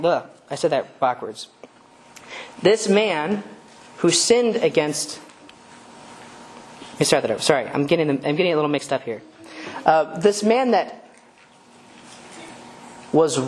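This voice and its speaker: Woman preacher, lowish voice, conversational sermon full of rhetorical questions. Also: slight background noise. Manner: conversational, asks rhetorical questions, self-correcting.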